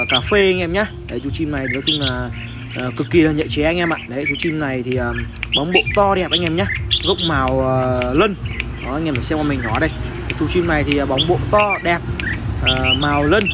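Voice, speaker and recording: Fast-talking man selling birds over loud noise. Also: on the high side. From Vietnam. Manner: chatty, many fillers and repeated address to viewers. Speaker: bird seller, channel host. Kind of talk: casual sales vlog.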